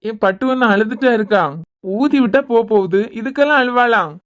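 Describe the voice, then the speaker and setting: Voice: medium pitch, a little fast, clean tone, dry recording, studio quality, natural voice. A performer voicing a young father in a cartoon, soothing and brushing off his injury, with a Kanyakumari Tamil accent. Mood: soothing, hurt. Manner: soothing, dismissive of his pain. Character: young father, gentle and stubborn. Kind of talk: cartoon voice acting.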